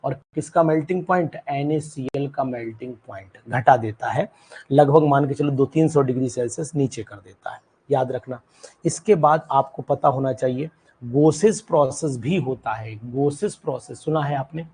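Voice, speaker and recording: Husky, dark-voiced male chemistry teacher. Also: mid-range voice, normal speed, poor audio. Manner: quizzes students by name, drills key terms; mixes in English terms. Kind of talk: live online class lecture.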